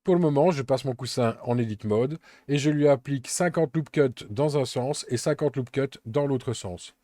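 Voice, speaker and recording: A man calmly narrating a step-by-step software tutorial, explaining each action as he works, with an occasional filler. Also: medium pitch, moderate pace, dry recording, studio quality. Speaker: Blender tutorial instructor.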